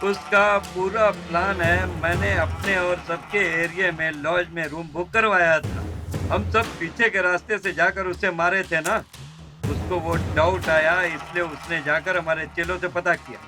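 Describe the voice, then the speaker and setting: Scheming gangster, kinda high voice, music loud behind him. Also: male voice, steady tone, a little slow. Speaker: gang member plotting against a rival. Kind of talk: Hindi film dubbing. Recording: dubbed dialogue over loud film score.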